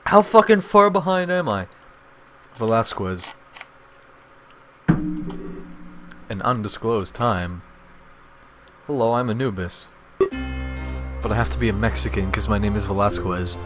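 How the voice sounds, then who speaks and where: A man's voice: on the low side, slow pace, long pauses. Crude man mocking a game. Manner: mocking, crude, reads game text aloud in a flat mutter. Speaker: gaming YouTuber. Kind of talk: profane let's-play commentary. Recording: game music playing behind the voice. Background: game music.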